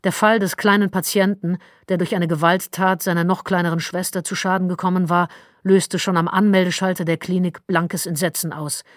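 Female audiobook narrator, lowish voice, measured and wry, dry studio sound. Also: level tone, no echo. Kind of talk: scripted narration.

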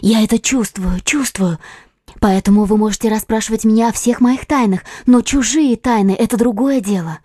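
A woman's voice: fairly high pitch, moderate pace, warm tone, no room sound, studio quality, close to an everyday voice. A woman playing a young, frightened, secretive woman in an audiobook, speaking in a pleading, evasive way. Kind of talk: audiobook acting.

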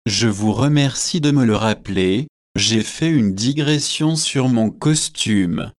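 A man voicing a pompous, earnest young male curate, speaking gravely and with self-satisfaction. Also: mid-range voice, slow pace, no echo, studio quality, close to an everyday voice.

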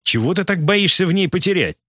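A man's voice: high-pitched, expressive, brisk, sharp tone, slightly rough, no echo, clean studio sound, voice pushed up, heavily acted. A man voicing a cruel, scheming male villain in an audiobook, with a mocking, sneering manner. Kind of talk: audiobook character voice.

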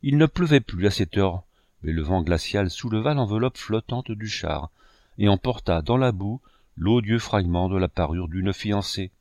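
A man giving a measured, solemn audiobook narration of a novel. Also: fairly low pitch, lively intonation, darkish tone, no echo, studio quality. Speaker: audiobook reader.

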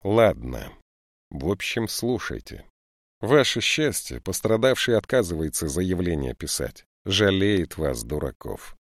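A man's voice: deep voice, big pitch swings, measured pace, dry recording, clean studio sound, heavily acted. A man voicing a strict, stocky woman police lieutenant in an audiobook, scolding and lecturing young thieves. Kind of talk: audiobook character voice.

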